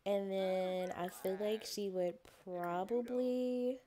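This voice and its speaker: A chatty woman talks through her life-sim gameplay in a relaxed, playful way. Her voice sounds mellow and warm, and she sometimes slips into her characters' thoughts as she plays. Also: mid-range voice, takes it slowly. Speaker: gameplay narrator. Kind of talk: casual let's-play commentary.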